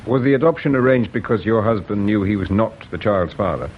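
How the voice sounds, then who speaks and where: An actor playing a patient provincial police inspector who questions people gently and measuredly in a radio drama. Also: male voice, on the low side, a little hiss or hum, lightly acted. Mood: probing. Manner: measured, gently probing, hesitates with "uh". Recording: dull lo-fi radio recording.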